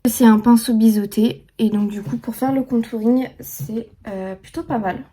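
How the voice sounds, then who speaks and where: A woman's voice: a little high, fairly even intonation, normal speed, warm tone, breathy edge. A young woman chatting casually through a makeup tutorial, full of fillers and restarts. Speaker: beauty vlogger.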